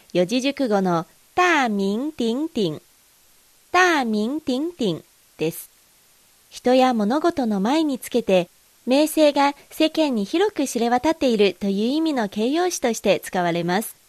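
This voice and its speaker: Woman, language teacher, lesson dialogue, fairly high voice, dry close recording. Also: animated, a little slow, no room sound.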